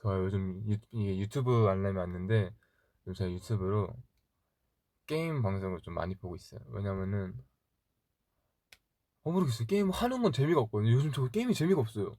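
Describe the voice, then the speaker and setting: Fairly low-pitched with lively intonation, this young man in his twenties runs an idol livestream on a dry recording. Chatting casually, he replies to fan comments with quick, easy laughs and long rambling stories, sometimes talking softly to himself.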